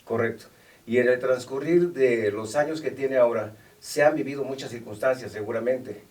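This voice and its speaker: Measured male host, off-mic. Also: medium pitch, darkish tone, far from the mic. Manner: measured, formal questions. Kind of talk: interview hosting.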